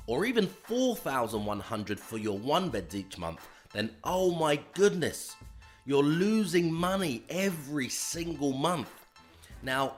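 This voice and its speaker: A man's voice: mid-range voice, rough recording. A man, a property investor hosting his own channel, gives a casual teaching monologue. He talks emphatically, repeats phrases and keeps asking rhetorical questions.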